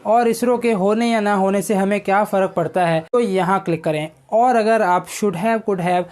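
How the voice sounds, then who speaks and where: A woman teaching English vocabulary, explaining each word patiently and reading example sentences slowly and deliberately. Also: medium pitch, a little mellow. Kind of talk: slow instructional vocabulary lesson.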